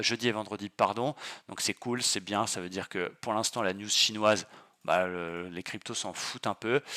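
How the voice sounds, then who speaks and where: A man's voice: on the low side, bright, forceful tone. A man hosting his trading channel, talking through stock charts casually and eagerly, with many fillers. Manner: enthusiastic, exclamatory, many fillers.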